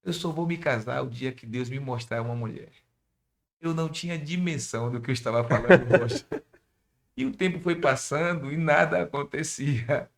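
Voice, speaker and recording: In a church interview, a Brazilian man who is a pastor and missionary tells his testimony with a Bahian Portuguese accent, preaching straight to the youth. His voice is on the high side and creaky, delivered at a moderate pace.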